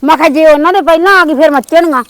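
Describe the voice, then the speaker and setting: A fast, insistent Punjabi village aunt, played by a woman in a short drama, explaining herself over and over. Her voice sits high and quick, and the sound is close and dry. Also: a bit bright, no room sound. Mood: defensive. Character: visiting paternal aunt, middle-aged woman, defensive.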